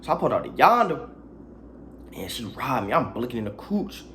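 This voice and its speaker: Animated young man. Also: medium pitch, brisk, a little hiss or hum. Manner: animated, crude, slangy storytelling with dramatic asides. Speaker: storyteller. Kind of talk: casual storytime vlog.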